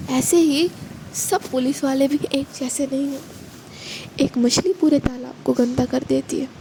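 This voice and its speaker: A woman voicing a caring older sister who soothes her sibling in a soft, fond tone in a storybook reading. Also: sits high, creaky, noisy background. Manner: soft, comforting, scolding fondly.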